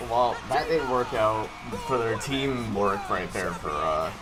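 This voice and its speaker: A man's voice: lowish voice, slow, music in the background. A man doing a casual watch-along reaction, blunt and exclamatory, happy to swear. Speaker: livestreamer reacting to a wrestling show.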